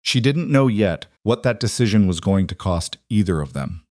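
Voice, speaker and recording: Guy narrating a western, real deep voice, dry close sound. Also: no room sound. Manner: measured, even storytelling. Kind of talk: scripted audiobook narration.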